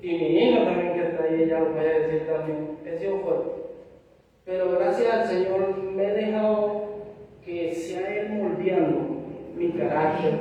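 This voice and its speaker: A Venezuelan man preaches earnestly in a high voice, punctuating his points with amens. He is picked up from a distance in a big echoing church hall, and the sound is dull and muffled. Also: steady tone, unhurried. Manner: earnest preaching, frequent amens, acts out dialogue. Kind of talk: sermon.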